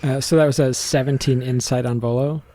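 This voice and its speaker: A man's voice: medium pitch, steady tone, brisk, dark tone, slight background noise. A man chatting casually as a player in a tabletop game.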